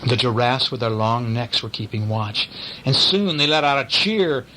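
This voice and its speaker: A man reading a bedtime story aloud to his young child at home, pausing gently to ask questions about the pictures. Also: mid-range voice, low-quality recording.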